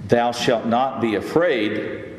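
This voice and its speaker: A pastor preaching a sermon, reading scripture aloud and swelling into loud, emphatic peaks. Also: male voice, mid-range voice, slow pace, slight background noise. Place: church sanctuary. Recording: roomy hall reverb, faint ambience.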